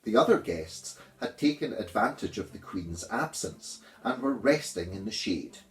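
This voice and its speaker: A man reading a children's story aloud in a measured, expressive way. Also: lowish voice, roomy sound. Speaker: storybook reader, primary school teacher.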